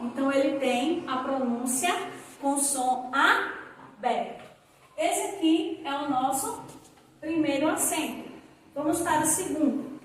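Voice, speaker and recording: A woman teaching young children in a recorded lesson, drawing out example words slowly for them to repeat. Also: sits high, slight background noise. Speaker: primary school teacher. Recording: echoey room, voice from a distance.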